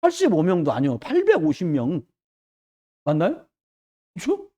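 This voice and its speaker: A man preaching a sermon as pastor in a church, jumping between loud exclamations and hushed asides. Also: high-pitched, wildly swooping pitch, normal speed. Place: church sanctuary.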